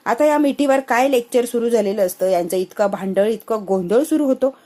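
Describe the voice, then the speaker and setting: A woman's voice: a little high, lively intonation, dark tone. A woman narrating a casual, chatty recap of a TV serial episode. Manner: chatty, retells dialogue in quick succession.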